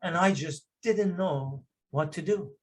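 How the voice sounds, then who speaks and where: A middle-aged Iranian man whose native language is Persian shares an earnest personal testimony at a church service, his unhurried voice sitting on the high side. His delivery swells with emphasis as he recounts his story.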